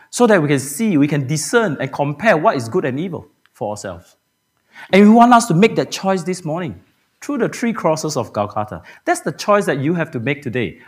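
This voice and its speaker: A man preaches a Good Friday sermon from a church pulpit. His voice sits high and swings widely in pitch as he throws rhetorical questions at the congregation. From Singapore. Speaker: pastor. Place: church sanctuary.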